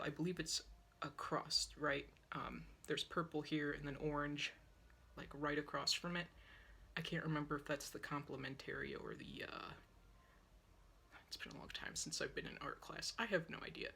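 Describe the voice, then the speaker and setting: Her voice is deep, creaky and bright, with a forceful tone, a breathy edge, fairly even intonation and a moderate pace. The woman in her twenties is an art vlogger who paints in her small yellow room while rambling chattily and poking fun at herself for a close-up tripod-mounted phone. A sore, dry throat leaves her wheezy.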